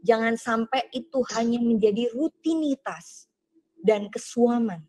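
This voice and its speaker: A woman's voice: a little high, unhurried, dark tone. A young woman gives a fervent sermon over a video call. She asks urgent rhetorical questions and slips into slangy, casual asides. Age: young adult. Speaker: speaker giving a testimony and exhortation. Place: online prayer meeting on a video call.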